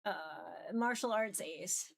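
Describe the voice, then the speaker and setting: Slow-paced and somewhat high in pitch, this visual novel livestreamer talks with viewers in an informal, rambling way, giggling as she goes.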